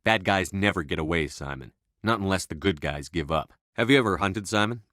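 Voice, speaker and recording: A man playing a resolute human military commander in a space opera video game, speaking in a measured, authoritative, matter-of-fact way. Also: low voice, animated, fairly bright tone, dry recording, clean studio sound. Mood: grave, resolute.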